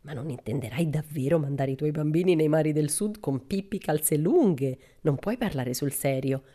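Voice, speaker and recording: A woman's voice: low voice, moderate pace, mellow. A woman voicing disapproving small-town ladies, speaking reproachfully in a storybook reading.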